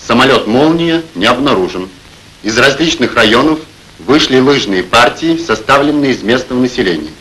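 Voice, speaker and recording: A man playing a solemn radio announcer, reading formally and gravely in a 1930s Soviet bulletin style. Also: medium pitch, animated, moderate pace, a bit bright, close to an everyday voice, rough recording. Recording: hissy old film soundtrack.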